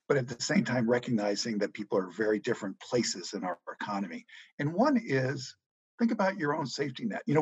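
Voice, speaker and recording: A middle-aged man answering interview questions about money in a measured, reassuring way. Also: medium pitch, husky, no room sound, muffled recording. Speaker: guest economics journalist.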